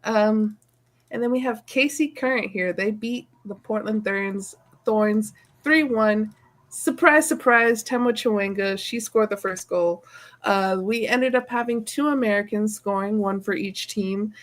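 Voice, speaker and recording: A woman's voice: medium pitch, steady tone, unhurried. A woman co-hosting a sports show, giving casual, informal recaps.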